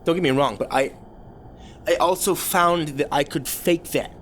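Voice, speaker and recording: Man acting a troubled, halting young man confessing, noisy recording. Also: fairly high pitch, a bit bright, lightly acted. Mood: guilty, confessional. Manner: halting, confessional, stammering over repeated words. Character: troubled rich young man confessing his cruel teenage past. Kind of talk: dramatic first-person horror story monologue. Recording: clear background noise.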